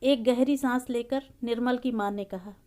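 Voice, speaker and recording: A woman reading a literary short story aloud, measured and expressive. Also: a little high. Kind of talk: storybook narration.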